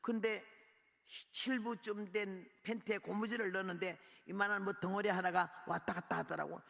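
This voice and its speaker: Woman preacher, gravelly voice, dramatic sermon storytelling, echoing hall. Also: medium pitch, steady tone, moderate pace, a bit bright. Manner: dramatic storytelling, acting out her own cries and prayers. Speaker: missionary preacher. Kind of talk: sermon testimony. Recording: reverberant hall sound.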